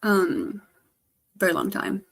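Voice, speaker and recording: Gravelly woman, slurred by missing front teeth. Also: medium pitch, sing-song, a bit bright. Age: adult, grown past teens. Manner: halting, trailing off with repeated stammered starts. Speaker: livestreamer chatting with viewers. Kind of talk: casual rambling livestream chat.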